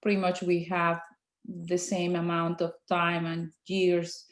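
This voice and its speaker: A woman in her forties from Mexico with a Mexican Spanish accent, a native Spanish speaker, answering interview questions as a guest dentist in a soft, halting way with many fillers. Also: lowish voice, monotone, reverberant.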